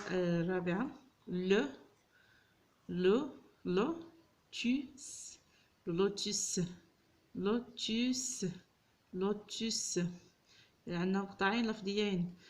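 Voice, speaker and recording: A woman giving a tutorial lesson as a teacher, sounding out French syllables slowly and clearly. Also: medium pitch, a little mellow.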